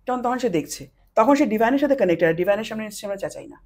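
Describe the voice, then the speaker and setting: A woman practitioner in a podcast conversation, with a voice hoarse from long talking, who explains animatedly and then drops to a slow, soft voice to show how people speak in trance. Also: on the high side, animated. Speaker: past life regression practitioner. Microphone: podcast studio mic.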